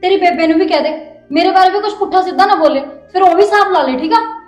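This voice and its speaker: A young woman playing a combative wife who fires back quick retorts in a family drama. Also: very high-pitched, roomy sound, soft background music. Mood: angry. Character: fiery young wife quarreling with husband. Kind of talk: village family drama acting.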